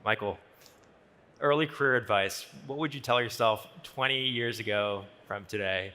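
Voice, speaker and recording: A man's voice: on the low side, moderate pace, bright, forceful tone. A man moderating a conference roundtable with brief, prompting interjections.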